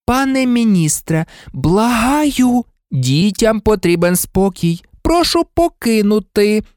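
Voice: mid-range voice, very animated, slow pace, darkish tone, dry recording, clean studio sound, voice pushed up. A reader voicing a fussy, bossy middle-aged school nurse in a storybook, scolding and insistent. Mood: fussing.

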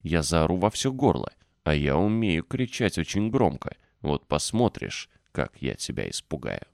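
Man doing a furious stubborn little girl, fierce scolding, low voice, dry close sound. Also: big pitch swings, unhurried, creaky, a little mellow, no room sound, heavily acted.

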